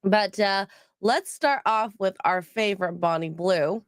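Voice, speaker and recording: A woman co-hosts a casual livestream chat, reading out donations while rambling with lots of ums. She sounds nasal from a cold, and her medium-pitched voice moves a little slowly. The recording is dry and of studio quality.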